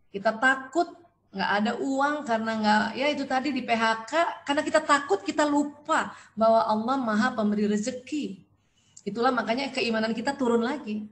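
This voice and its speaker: A middle-aged woman doctor giving a lecture, animated and asking and answering her own questions. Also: sits high.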